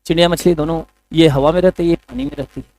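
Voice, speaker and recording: A man's voice: fairly high pitch, steady tone, quick pace, a little mellow, no room sound, low-quality recording. A man teaching an online exam coaching class, chatty and joking, talking to his students as kids and brothers. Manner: chatty, joking, addresses students as beta and bhaiya.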